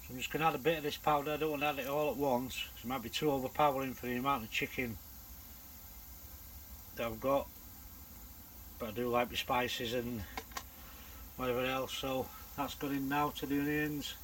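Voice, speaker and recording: A man's voice: medium pitch, fairly even intonation, brisk, long pauses, a bit bright, a little hiss or hum, rough recording. An older man, chatting casually to camera in a bankside bivvy while he fishes and cooks a curry. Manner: chatty, matter-of-fact running commentary. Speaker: angler vlogger. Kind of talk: casual vlog narration while cooking. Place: bankside bivvy outdoors at dusk.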